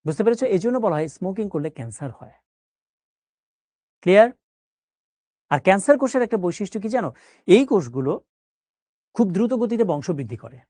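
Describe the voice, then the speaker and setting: Lively-voiced male teacher asking questions. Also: sits high, a little fast, pauses often, no room sound. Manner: explains with everyday examples and checks understanding with questions. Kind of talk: classroom biology lesson.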